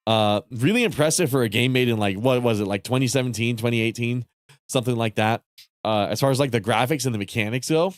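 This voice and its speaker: A man livestreaming a game chats casually in a mid-range voice at a quick pace, recorded cleanly in the studio with no room sound. He sounds congested and nasal, rambles, swears often, and laughs between thoughts.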